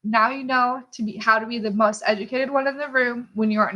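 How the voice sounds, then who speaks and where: A woman's voice: a little high, fairly even intonation, a little fast, bright, forceful tone, lo-fi sound. A woman giving an instructional lesson like a teacher, posing questions to the listener and checking in with small tags as she explains. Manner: rhetorical questions, checking in with "okay". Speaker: art teacher.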